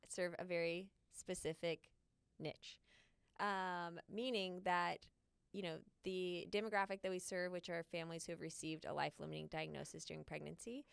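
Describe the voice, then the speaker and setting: A low-voiced woman with heavy vocal fry co-hosts a podcast, explaining things earnestly and pausing often on fillers. Her voice is smooth and resonant under the rasp, recorded close and dry. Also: flat delivery, no echo. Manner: earnest, thoughtful, many filler pauses. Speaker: podcast co-host. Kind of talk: casual podcast chat.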